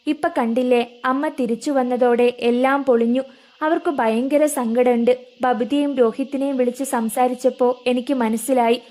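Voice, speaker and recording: ദുഃഖിതയായ ഒരു യുവതിയായി കഥ വായിക്കുന്ന ഒരു സ്ത്രീ. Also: female voice, sits high, steady tone, normal speed, warm tone, close to an everyday voice. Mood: sorrowful. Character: sorrowful young woman, gentle and selfless.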